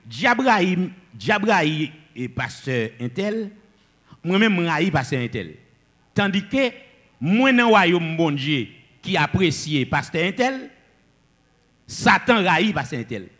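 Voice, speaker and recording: Husky-voiced male preacher, high and animated, booming declamations then quiet asides. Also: big-room sound. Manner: swings between loud declamations and low asides. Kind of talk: sermon.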